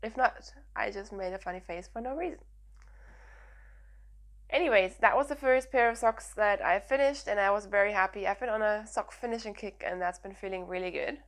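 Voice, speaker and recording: A young woman from Germany hosting a knitting podcast, talking casually and energetically with lots of "um"s, her voice croaky from hay fever and sniffles. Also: medium pitch, brisk. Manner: chatty and energetic, frequent "um"s. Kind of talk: casual chat to camera.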